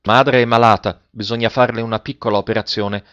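A man reading as a soothing, coaxing gentleman. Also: on the low side, fairly even intonation, fairly quick, dull audio, lightly acted. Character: patient man coaxing a boy.

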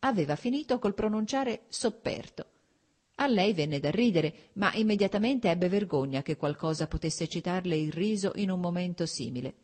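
Woman audiobook reader, somewhat low voice, measured and expressive. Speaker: audiobook narrator. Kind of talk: scripted narration.

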